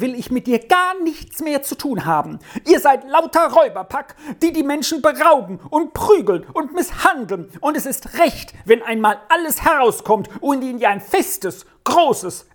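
A woman voicing a proud young boy shouting with a voice trembling in rage, in a storybook reading. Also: high voice, voice pushed up.

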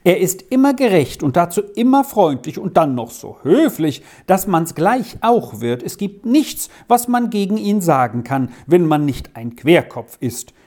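A woman's voice: fairly low pitch, big pitch swings, measured pace, few pauses, warm tone. A woman voicing a dutiful, earnest schoolboy who speaks insistently in a storybook reading. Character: earnest schoolboy Max, dutiful older brother.

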